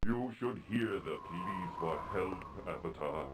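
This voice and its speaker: Deep, solemn fantasy game mystic. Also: male voice, lively intonation, unhurried. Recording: distant voice under game music.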